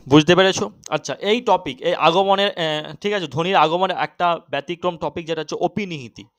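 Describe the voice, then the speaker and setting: A young man teaching an exam-prep grammar lesson, often checking that students follow and urging them to answer quickly. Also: on the high side, fairly bright tone, dry recording. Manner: keeps checking understanding, urges quick answers.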